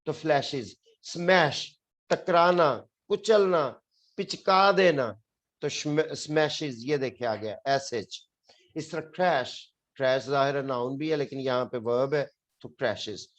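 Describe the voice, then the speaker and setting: A Pakistani man lectures a class on English spelling, patiently explaining and saying each word again. He speaks at a measured pace in a mid-range, fairly bright voice.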